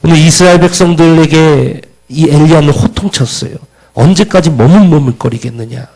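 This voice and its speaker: A man's voice: on the high side, normal speed, low-quality recording. A man preaching a sermon, questioning the congregation and reading scripture aloud with emphatic rises. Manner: asks the congregation questions, loud emphatic peaks.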